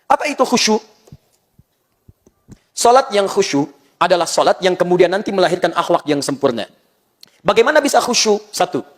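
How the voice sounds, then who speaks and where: A male Islamic preacher delivering a joking, animated sermon and acting out little quoted scenes. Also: sits high, normal speed, pauses often, big-room sound. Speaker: ustadz preacher.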